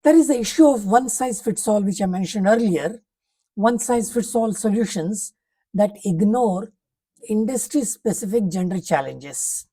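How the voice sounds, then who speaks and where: A woman reading a prepared talk aloud, setting out numbered points in a measured, formal way. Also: mid-range voice, animated, warm tone, breathy edge, poor audio.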